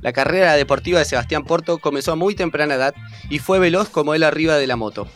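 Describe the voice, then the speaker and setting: A man's voice: on the high side, quick pace, fairly bright tone, faint music behind. A man with an Argentine accent reading scripted sports documentary narration.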